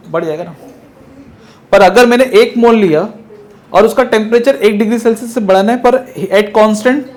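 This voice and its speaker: A man teaching physics lectures at a quick, lively clip, his voice pitched high for a man. He repeatedly poses questions to the class and then answers them himself.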